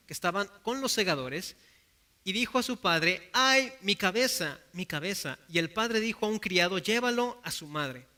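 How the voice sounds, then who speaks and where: A man's voice: high voice, bright, forceful tone. A man with a Mexican Spanish accent preaching a sermon in an earnest way, acting out the people in his Bible stories.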